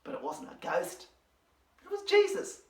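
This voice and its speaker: Animated Australian woman telling a kids' story. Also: on the low side, unhurried. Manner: animated, expressive, speaks to her dog. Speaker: children's church presenter. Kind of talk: children's Bible storytelling. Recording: roomy, from a distance.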